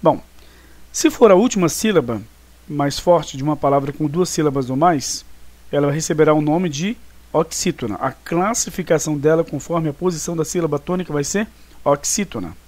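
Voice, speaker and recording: A man's voice: fairly high pitch, moderate pace, darkish tone. A male teacher talking through exercises in a recorded online class, casual and chatty, often checking in with his students. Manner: casual, chatty, with many fillers and check-ins.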